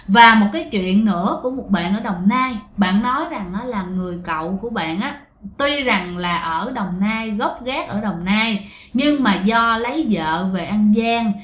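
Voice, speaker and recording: A woman's voice: fairly high pitch, a bit bright. A woman with a Southern Vietnamese accent telling ghost stories in a chatty style, talking directly to her listeners. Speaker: ghost story narrator. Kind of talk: casual storytelling to listeners. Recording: roomy echo.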